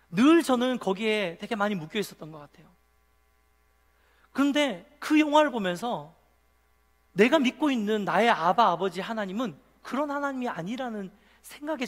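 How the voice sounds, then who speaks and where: A male pastor preaching to a youth congregation, telling a story with animation, acting out scenes and putting questions to his listeners. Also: sits high. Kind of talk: sermon to a youth service. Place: church sanctuary. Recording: long reverb of a church hall.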